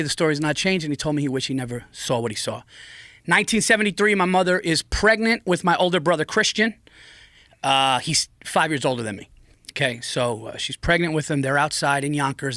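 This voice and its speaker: A man on a studio mic tells a story casually and profanely, acting out the lines of the people in it. His voice is bright and forceful, a touch higher than most men's. The sound is dry and close. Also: dry recording. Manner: profane, animated, acts out quotes. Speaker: podcast guest.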